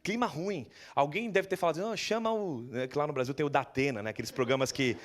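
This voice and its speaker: Storytelling Brazilian pastor, fairly high voice. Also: male voice, fast. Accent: Brazilian Portuguese. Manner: lively storytelling, acts out the people he quotes. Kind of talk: sermon. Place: church.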